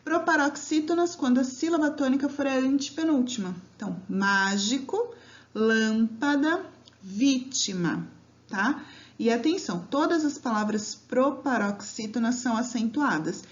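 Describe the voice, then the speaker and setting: A woman teacher giving a grammar lesson to children, drawing out words syllable by syllable and checking in with "né?" and "tá?". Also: sits high. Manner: patient, drawn-out syllables with frequent "né?" and "tá?". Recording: dull lo-fi home recording.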